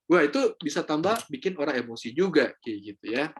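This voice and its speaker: A man's voice: fairly high pitch, animated, quick pace, breathy edge. A male counselor gives a casual seminar talk. He explains points in a chatty, loose way. He keeps turning to his listeners as friends.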